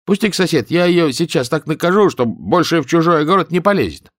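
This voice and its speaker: A man's voice: a little high, sing-song, fast, no room sound, clean studio sound, pitched above the performer's own voice. A man voicing a simple-hearted young village soldier who reasons in a folksy, colloquial way. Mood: persuading.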